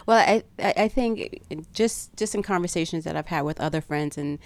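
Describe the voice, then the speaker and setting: A woman's voice: lowish voice, normal speed, darkish tone. A woman in her fifties co-hosting a casual podcast with her daughter, rambling and repeating words as she thinks. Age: 50s. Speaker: podcast co-host, mother. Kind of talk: casual chat.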